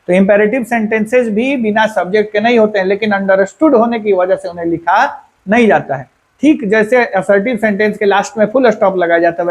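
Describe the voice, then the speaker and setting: A man with a high-pitched voice teaches a grammar lesson. He works through each point step by step, putting questions to the class and answering them himself. He slows right down to repeat the example sentences. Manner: asks and answers his own questions. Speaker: English teacher.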